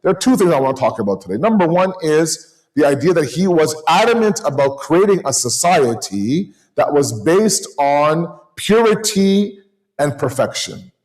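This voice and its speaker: Higher-voiced man giving a sermon. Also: big pitch swings, normal speed, darkish tone, poor audio. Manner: conversational, storytelling, code-switches into Urdu and Arabic terms.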